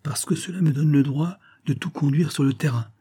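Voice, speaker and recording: A man voicing an experienced gentleman who speaks in an assured, authoritative way. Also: a little high, brisk, husky, pitched above the performer's own voice. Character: experienced older male gentleman, self-assured.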